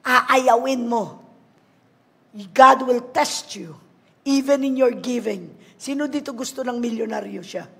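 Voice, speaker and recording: Filipino woman pastor preaching, gravelly edge. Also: fairly high pitch, takes it slowly. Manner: preaching in Taglish, calling for amens. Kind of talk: sermon.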